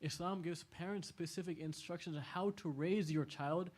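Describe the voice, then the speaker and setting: A man lecturing a youth audience at an Islamic center in a casual, animated way. He laughs often and talks in a large indoor hall. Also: a little high, normal speed.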